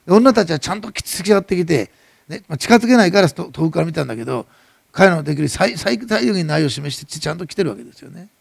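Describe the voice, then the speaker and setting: High, fast-talking male pastor preaching. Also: animated, creaky, no room sound, clean studio sound. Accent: Nagasaki dialect. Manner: impassioned preaching, swells loud then drops soft. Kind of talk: sermon.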